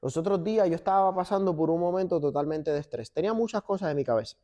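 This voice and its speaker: Pastor telling stories. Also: male voice, sits high, fast talker. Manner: animated storytelling, acts out dialogue. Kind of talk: sermon with church banter. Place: church sanctuary.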